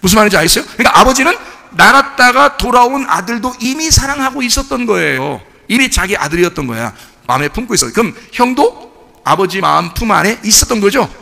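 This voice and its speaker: A man's voice: high voice, very animated, fast, gravelly, bright, forceful tone, big-room sound. A man, a pastor, preaching a sermon in a conversational way, often asking the congregation questions.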